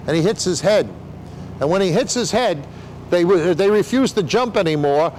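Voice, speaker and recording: A man's voice: sits high, a little mellow, a little hiss or hum, low-quality recording. An older man explaining things in a casual interview, with rambling showman patter and joking asides. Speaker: veteran sideshow talker explaining flea circus.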